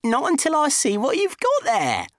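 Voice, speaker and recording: A cheeky, hot-headed young Englishman with a stubborn streak, as a male reader puts him on. His voice sits well above the reader's own and swoops up high when he argues. The sound is close and dry. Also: wildly swooping pitch, moderate pace, a bit bright, dry recording, exaggerated voice. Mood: teasing. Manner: wheedling, indignant, sulky.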